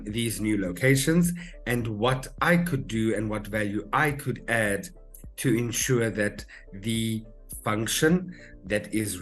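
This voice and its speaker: A South African man in his forties, a recruitment manager answering podcast interview questions in a measured way, with many ums and uhs. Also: fairly low pitch. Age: 40s.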